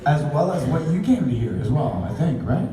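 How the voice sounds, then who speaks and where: A man's voice: fairly high pitch, big pitch swings, fairly quick, crowd noise. A male voice actor chatting reflectively on a convention panel, rambling through his explanations. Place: large convention panel hall. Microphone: panel mic through hall speakers, caught on a phone in the audience. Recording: echoey hall, phone from far off.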